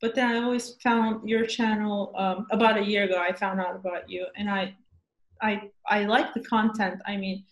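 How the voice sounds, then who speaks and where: Even-voiced middle-aged woman from Turkey. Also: medium pitch, normal speed, echoey room, muffled recording. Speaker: interview guest, student. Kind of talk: conversational interview.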